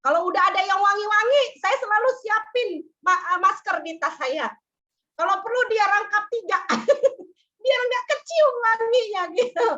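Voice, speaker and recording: A woman preaching a sermon, telling personal stories in a lively way and acting out quoted voices. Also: very high voice, measured pace, dull audio. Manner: lively storytelling, acts out quotes.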